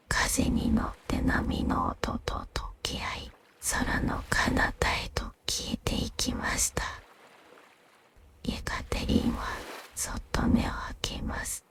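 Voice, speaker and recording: Woman, whispered ASMR narration, breathy, crackly low texture, unhurried, soothing, gentle scripted storytelling.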